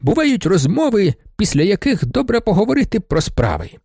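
A man's voice: high voice, sing-song, fairly quick, creaky, mellow, slightly rough, no echo, clean studio sound, pitched above the performer's own voice, exaggerated voice. A man doing an earnest old shopkeeper. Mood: cheerful. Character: old male shop clerk, loyal friend.

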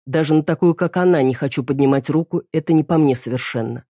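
A woman's voice: low-pitched, fast, warm tone, dry recording, clean studio sound. A woman narrating an audiobook in a tense, clipped reading.

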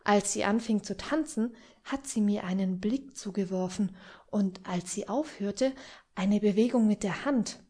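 A jaded young gentleman from an audiobook, as a woman reads him, bored and resigned. He drags along slowly in a dark, mellow tone. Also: medium pitch, close to an everyday voice. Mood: wistful. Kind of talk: audiobook reading.

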